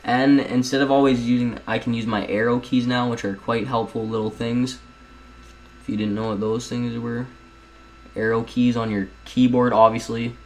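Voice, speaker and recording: A man's voice: medium pitch, flat delivery, normal speed, darkish tone, poor audio. A young man at home casually talking viewers through a video editing tutorial, rambling and chatty, often calling them guys. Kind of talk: casual screen-recorded tutorial.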